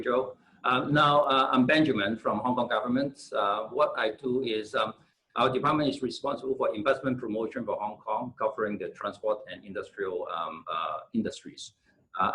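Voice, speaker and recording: A man's voice: on the low side, a bit bright, rough recording. A man who works as a government investment promotion official, giving a brief, polite introduction on a webinar panel.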